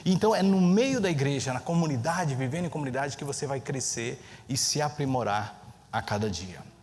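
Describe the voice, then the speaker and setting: A man preaching a sermon as pastor, telling a story with lively pacing and acting out the people he quotes. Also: medium pitch, brisk. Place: church sanctuary. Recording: long church reverb, faint ambient noise.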